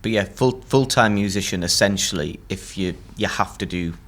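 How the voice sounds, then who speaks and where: Give me an easygoing man with a fairly low voice, reading out questions. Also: moderate pace. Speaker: podcast host. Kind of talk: casual pub chat. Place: pub.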